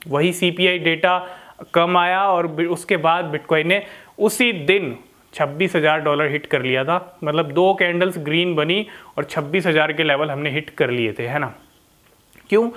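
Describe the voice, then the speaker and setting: Speaking into a lapel mic, a man in his thirties with an Indian accent offers explanatory, informal crypto market commentary to camera. His voice sits high and is a bit bright, and he frequently adds short tag questions to check in.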